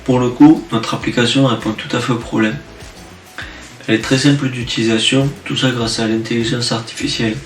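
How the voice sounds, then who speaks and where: A young man, a student presenter, explaining his project in a measured, explanatory way. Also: medium pitch, steady tone, recorded from a distance, faint music behind. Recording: roomy, off-mic.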